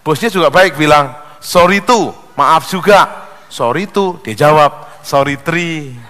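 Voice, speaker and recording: A man's voice: on the high side, a little slow. A man preaching a sermon, telling jokes with acted-out voices and leading the congregation in call-and-response. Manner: animated joke-telling, acts out voices. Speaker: pastor. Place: large church hall. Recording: long hall reverb.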